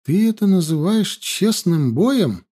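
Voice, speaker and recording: Brief: man playing a young storybook princess, high, lively, hurt and accusing. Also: slow, exaggerated voice. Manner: accusing, tearful, high-pitched. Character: young grieving furious princess woman.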